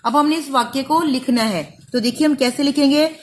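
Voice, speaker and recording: High-voiced woman teaching small children. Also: a little fast, a little hiss or hum. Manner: patient, stretches out sounds syllable by syllable, calls listener "beta". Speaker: primary school teacher. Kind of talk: slow spelling-out lesson for young children.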